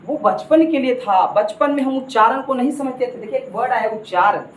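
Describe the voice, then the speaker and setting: A man's voice: very high voice, fairly quick. Emphatic male teacher. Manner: emphatic, repeats points, keeps addressing the students as kids. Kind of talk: classroom grammar lesson. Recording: echoey room with faint ambient noise.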